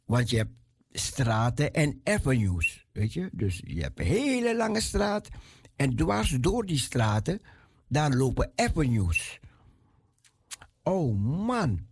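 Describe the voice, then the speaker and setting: Lively, gravelly man telling a story. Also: medium pitch, slow pace, no room sound, studio quality. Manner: lively, acts out the voices of the people in his story; repeats words for emphasis. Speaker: speaker giving a personal testimony. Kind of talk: animated storytelling.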